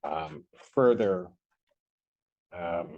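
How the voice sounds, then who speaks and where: A man presiding as judge in a courtroom recording, speaking formally and haltingly with frequent pauses and filler sounds. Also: low-pitched, mellow. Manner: measured, halting, many ums. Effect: courtroom audio recording. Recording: muffled courtroom recording, faint hiss.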